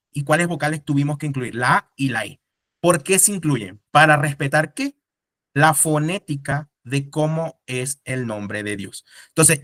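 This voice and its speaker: Man, teacher, casual classroom lecture, rhetorical questions, fairly high voice, dry close sound. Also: a bit bright, no room sound.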